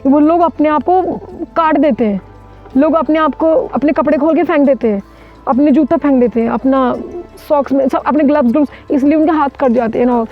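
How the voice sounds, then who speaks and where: A woman's voice: high voice, a little fast. A woman from India, a mountaineer, recounting an ordeal in an interview with vivid, urgent retelling full of restarts. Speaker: mountaineer guest. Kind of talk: interview storytelling. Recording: dull lo-fi sound with faint music.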